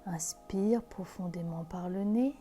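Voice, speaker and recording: A woman leads a guided relaxation very slowly, in a mellow and hushed voice close to the ear. Her delivery is soft and intimate, often breathy, with music playing behind her. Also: on the low side. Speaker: sophrology guide.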